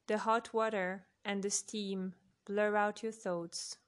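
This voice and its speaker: A woman speaks in a soft, unhurried voice, leading a guided relaxation for sleep. Her pace is very slow, with long pauses between short phrases. Her pitch sits in a medium range. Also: flat delivery.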